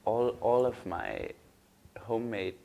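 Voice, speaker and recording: A man's voice: on the low side, big pitch swings, slow pace, gravelly, dull audio. A Danish man co-hosting a podcast in casual, playful chat. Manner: playful, bursts into loud laughter. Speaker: podcast co-host.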